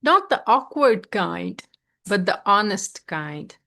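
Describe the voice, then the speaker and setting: Slow-paced woman. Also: mid-range voice, sing-song, vocal fry, pushed and bright. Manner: code-switches between English and Urdu-Hindi. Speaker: host. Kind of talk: casual chat and slow, reflective reading aloud.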